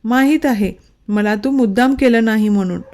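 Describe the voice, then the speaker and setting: A woman reading a storybook, voicing a young husband who talks calmly and patiently, gently scolding and loving. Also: on the high side, normal speed, close to an everyday voice.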